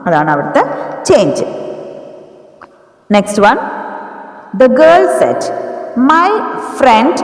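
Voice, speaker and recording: A woman's voice: a little high, sing-song. Echoey, distant woman teaching grammar. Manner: mixes Malayalam explanation with slow, spelled-out English dictation. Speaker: English teacher. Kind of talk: grammar lesson, dictating example sentences slowly.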